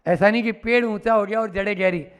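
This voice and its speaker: A man's voice: high voice, quick pace. A man giving a sermon, telling stories and acting out their characters, repeating key phrases for emphasis. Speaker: Jain monk preacher. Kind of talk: sermon with storytelling.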